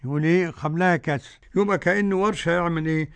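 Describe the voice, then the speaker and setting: An older man with an Egyptian accent teaching Quran recitation rules, drawing out verses slowly and explaining them quickly. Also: fairly high pitch. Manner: slow drawn-out recitation alternating with quick colloquial explanation.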